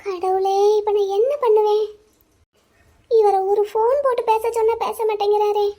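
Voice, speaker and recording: A woman voicing a worried young woman in an animated drama, talking in a pleading way. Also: very high-pitched, normal speed. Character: young woman Angel, anxious, hiding away.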